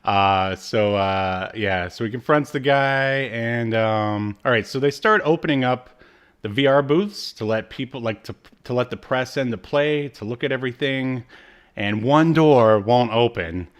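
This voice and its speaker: Speaking a little slowly in a clean, mid-range voice, a man co-hosts a podcast. His casual TV episode recap wanders along with joking digressions.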